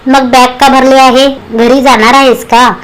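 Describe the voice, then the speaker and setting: A caring, worried middle-aged mother who asks gentle, anxious questions in a storybook reading, voiced by a woman. The voice sits high. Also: little pitch movement, a little slow, low-quality recording.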